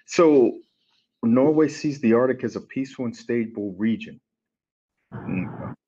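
A man's voice: mid-range voice, measured pace, warm tone, highs cut off, slight background noise. A middle-aged man, a deputy commanding general, giving formal panel remarks with many fillers over a video call from an office.

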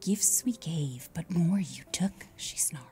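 A woman voicing a young mother in a video game, reading a dark fairy tale in a hushed storybook voice that sinks into whispers. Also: deep voice, animated, measured pace, slightly rough, full character voice. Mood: hushed storytelling. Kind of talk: scripted game narration. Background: game music.

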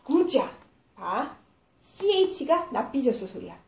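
A woman teaching English phonics to young children. She explains patiently and sounds letters out slowly. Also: high voice, sing-song, a little mellow. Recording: echoey room with faint noise.

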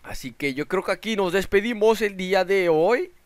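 Young male gamer, excitable let's play commentary, smooth voice, dry close sound. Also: high voice, moderate pace, no room sound. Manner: excitable, shouts in panic at sudden dangers. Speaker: gaming channel host.

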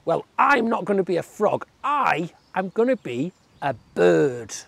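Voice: unhurried, creaky, no room sound, full character voice. A storyteller voicing a stubborn young tadpole who longs to be a bird, speaking eagerly and insistently. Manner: eager, insistent, high and excited.

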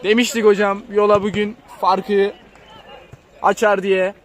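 A man giving live play-by-play football commentary, lifting into excited, drawn-out calls on shots and goals. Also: sits high.

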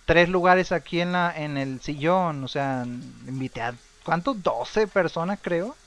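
A young man talks through his life-sim game in a loose, rambling way. He muses half to himself and to his viewers, then breaks into quick excited shouts now and then. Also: fairly high pitch. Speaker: gameplay streamer. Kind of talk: casual life-sim commentary.

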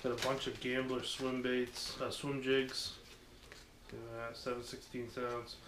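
A young fishing-channel host with a mid-range voice speaks a little slowly as he unboxes gear in a small, dim living room. Relaxed and rambling with many fillers, he's recorded by a camera across the room, so the sound is echoey with background noise.

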